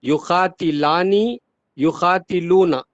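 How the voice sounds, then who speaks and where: Male student, slow careful recitation, slightly high voice, dry dull audio. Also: no room sound. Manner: recites verb conjugations, answers briefly. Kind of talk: online class recitation.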